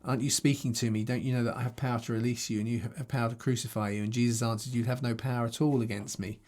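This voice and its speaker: Man giving a relaxed Bible teaching talk. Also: medium pitch, racing. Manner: conversational, thinking aloud with restarts. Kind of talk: scripture reading with teaching commentary. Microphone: self-recorded to a video camera.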